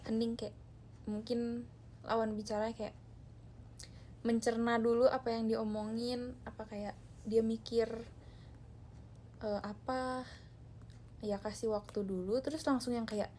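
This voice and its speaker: A woman's voice: on the high side, little pitch movement, takes it slowly, long pauses, mellow, slight background noise. A young woman chatting casually to viewers on a live stream from her phone, talking loosely with lots of fillers. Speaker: idol group member hosting a live stream.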